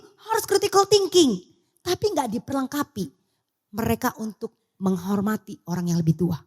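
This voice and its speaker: Middle-aged woman preacher with an Indonesian accent, lively and loud, fairly high voice. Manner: animated, acts out family dialogue, laughs often; loud, high-pitched when speaking emphatically. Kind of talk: sermon. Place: church.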